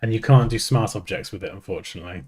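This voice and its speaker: A man walks through a design tutorial. He chats casually, thinks out loud and cracks small jokes at his own expense. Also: on the low side, quick pace, husky. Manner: chatty, thinks aloud, jokes at himself. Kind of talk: casual screen-recorded software tutorial.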